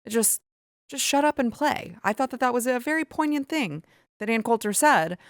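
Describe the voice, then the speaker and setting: A woman's voice: fairly high pitch, expressive, moderate pace, dry recording, studio quality. A woman hosting her own show, giving sarcastic, emphatic and indignant political commentary. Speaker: show host.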